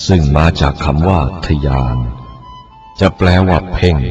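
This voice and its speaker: A male Buddhist monk reading a written teaching aloud in a measured, deliberate way. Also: sits low, darkish tone. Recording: dull lo-fi recording with faint music.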